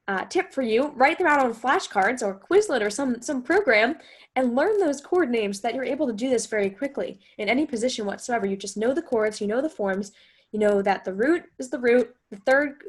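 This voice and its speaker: A guitar teacher who hosts her own lesson talks through each step, frequently asking rhetorical questions along the way. Her voice sits on the higher side and has a slight roughness.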